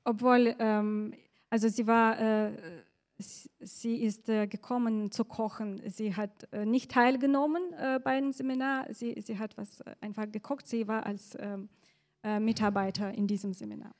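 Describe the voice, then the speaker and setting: A woman interpreting a church testimony live, halting and searching for words with many fillers. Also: a little high, steady tone, a little mellow.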